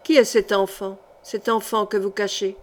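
A woman voicing a cold, cruel queen who speaks calmly and coldly and threatens with quiet menace, in an audiobook reading. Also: mid-range voice, normal speed, natural voice. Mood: icy, menacing. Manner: calm, then icy and threatening.

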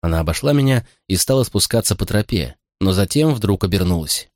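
Low-voiced male audiobook narrator. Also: lively intonation, brisk, darkish tone, dry recording, studio quality. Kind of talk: scripted narration.

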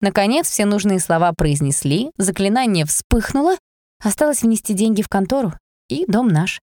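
A woman's voice: mid-range voice, moderate pace, no room sound, clean studio sound. Woman reading a fantasy audiobook. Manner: lively, expressive reading. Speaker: audiobook reader. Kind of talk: first-person fantasy audiobook narration.

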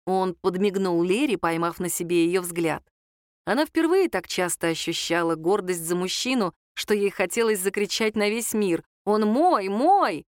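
A woman narrating a novel in an even, lightly wry storytelling manner. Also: lowish voice, normal speed, no room sound, studio quality. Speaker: audiobook narrator. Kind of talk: scripted narration.

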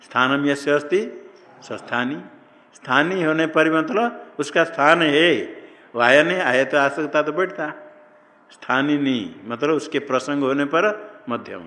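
Slow man teaching in a reverberant hall. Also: a little high, pushed and bright. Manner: slow, questioning, answers his own questions. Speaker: Sanskrit grammar teacher. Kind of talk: classroom lecture. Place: ashram classroom.

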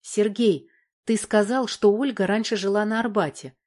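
A female narrator voicing a young woman, eager, impatient, pleading questions, pitched a touch higher, audiobook dialogue. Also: steady tone, moderate pace, a little mellow, close to an everyday voice. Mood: curious.

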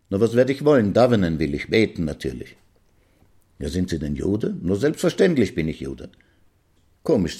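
A man's voice: low-pitched, warm tone. A man hosting a podcast, telling jokes in a wry, conversational monologue that addresses the listener directly. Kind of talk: storytelling monologue.

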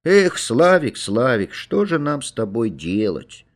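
A man voicing a gentle, worried mother who asks soft, coaxing questions. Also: medium pitch, very animated, slow pace. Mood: sighing.

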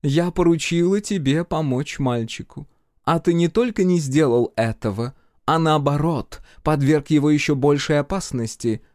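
A man's voice: a little high, normal speed, darkish tone, dry recording, clean studio sound, pitched above the performer's own voice, close to an everyday voice. A male audiobook reader voicing a haughty female goddess of dreams who speaks with contempt and sarcasm. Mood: imperious. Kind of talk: audiobook character voice.

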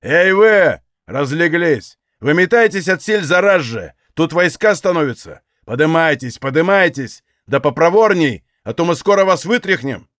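A man voicing a rude, loud armed Cossack soldier shouting orders in an audiobook. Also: a little high, lively intonation, normal speed, no room sound, studio quality, natural voice.

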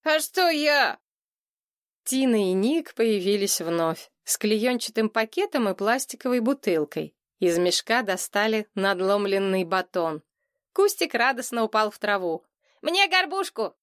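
A woman reading a children's story aloud with clear, expressive narration. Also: medium pitch, normal speed, no echo, clean studio sound. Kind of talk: audiobook narration.

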